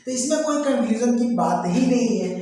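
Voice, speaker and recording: Loud Hindi grammar teacher in an echoey room. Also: male voice, extremely high pitch, lively intonation, a little fast. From North India. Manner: loud, emphatic, scolding asides. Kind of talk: board lesson in Hindi. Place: classroom with a board. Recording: echoey room, far from the mic, faint ambience.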